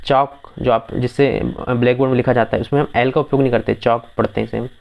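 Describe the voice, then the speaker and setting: A man's voice: mid-range voice, fairly even intonation, quick pace, creaky, muffled recording. Male tutor, patient video lesson. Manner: patient, repeats words and checks understanding with students. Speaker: English teacher. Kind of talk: video lesson explaining word pronunciation.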